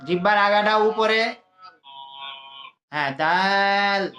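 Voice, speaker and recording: A man teaching adults to read the Quran, drawing out each letter slowly for his students to repeat. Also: high-pitched, pushed and bright, reverberant, soft background music, low-quality recording. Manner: slow, drawn-out letter drills for students to repeat. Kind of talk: adult Quran reading lesson.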